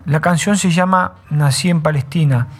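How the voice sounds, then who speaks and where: A man hosting a radio show, giving unhurried, reflective commentary between songs and often ending thoughts with a tag question. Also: fairly high pitch, breathy edge. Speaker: radio host.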